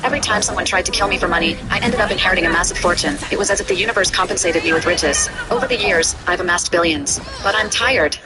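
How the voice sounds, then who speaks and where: A woman narrating a dark first-person story in a brisk, flat scripted read. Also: lowish voice. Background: loud background music.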